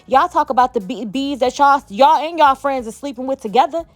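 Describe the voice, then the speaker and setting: A woman's voice: high voice, lively intonation, fairly quick, no echo, faint music behind. A woman vlogger in a heated, profane commentary rant, talking emphatically.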